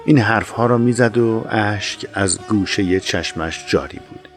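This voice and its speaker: A man narrating an audio drama in a slow, measured storytelling voice. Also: lowish voice, faint music behind.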